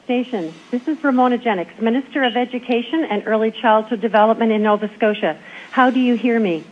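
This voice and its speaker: A woman's voice: a little high, fairly quick, highs cut off, a little hiss or hum. A woman government official speaking over a radio link to a space station in formal, scripted greetings. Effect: voice relayed over a radio link to a space station.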